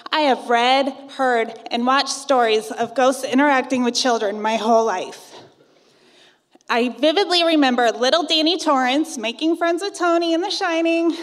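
A woman's voice: high-pitched, in a large hall. A woman in her thirties from Iowa, narrating a personal ghost story in a wry, conversational way. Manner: wry, conversational, self-teasing.

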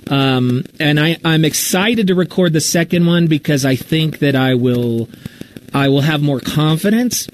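A radio talk show host and podcast storyteller speaks casually and candidly about his own work during a live Q&A, self-deprecating throughout. His voice is fairly high at a measured pace, and the low-quality recording has a little hiss or hum.

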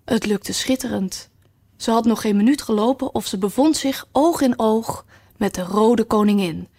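A woman narrating a children's story aloud in a calm, even reading manner. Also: fairly high pitch, moderate pace. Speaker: audiobook narrator.

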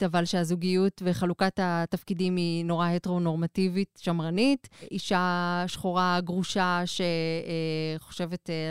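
A woman co-hosting a podcast, reviewing in casual chat, talking with many filler pauses. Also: fairly low pitch, smooth, no echo, clean studio sound. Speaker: podcast co-host, culture reviewer.

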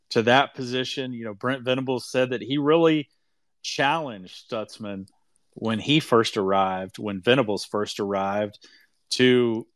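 A man, a sports writer, giving casual postgame football analysis in a measured, halting way with fillers. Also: mid-range voice, no room sound.

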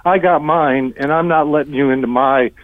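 A man's voice: a little high, moderate pace, no echo. An older man calling in to a radio show over a phone line, blunt and exasperated. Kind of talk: call-in comment on a talk show.

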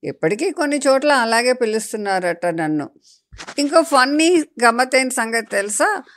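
A woman voicing a friendly, know-it-all talking eggplant in a children's story, lecturing in a lively, playful way. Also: on the high side, normal speed. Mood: chatty, teaching.

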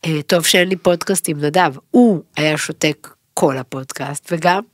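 A middle-aged woman co-hosting a podcast in casual chat, rambling, emotional and quick to joke. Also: deep voice, no room sound, studio quality. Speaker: podcast co-host.

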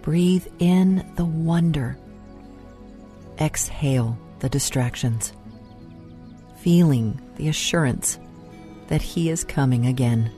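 A woman with a low, mellow voice leads a guided meditation over music. Her delivery is soft and unhurried, with room left between phrases for breathing and prayer. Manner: soft, soothing, unhurried delivery with long pauses. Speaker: meditation host.

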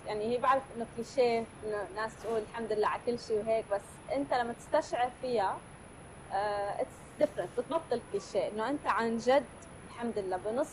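A woman's voice: fairly high pitch, very fast, noisy background. A woman with a Levantine Arabic accent chatting earnestly and reflectively as an interview guest, slipping English words into her talk. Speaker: podcast guest. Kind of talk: casual conversational interview, mixing in English words.

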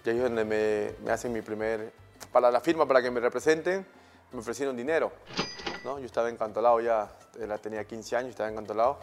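A man's voice: mid-range voice, fast talker, soft background music. Peruvian man telling stories casually. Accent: Peruvian Spanish. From Peru. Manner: relaxed, frequent tag questions, slangy. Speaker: guest, former footballer. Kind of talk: casual interview storytelling.

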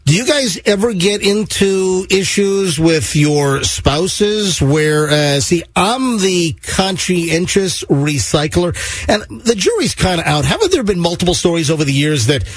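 A man's voice: high voice, expressive, measured pace, no room sound. A man hosting a morning radio show in casual banter, chatty, jocular and rambling.

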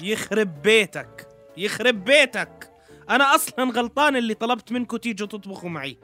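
High, bright-voiced Jordanian man bantering. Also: expressive, quick pace, faint music behind. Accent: Jordanian Levantine. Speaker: podcast co-host. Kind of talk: casual comic banter.

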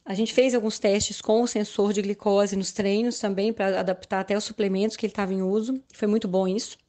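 A woman doctor, explaining her work in a measured way with frequent fillers. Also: medium pitch, little pitch movement, warm tone. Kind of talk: explaining to an interviewer.

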